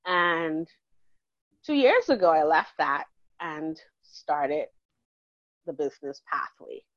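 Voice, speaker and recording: A Bahamian woman in her forties, a counselor talking warmly and chattily in an interview, laughing easily. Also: low voice, sing-song, takes it slowly, dry recording, dull audio. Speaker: counselor and guest. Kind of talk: casual interview conversation.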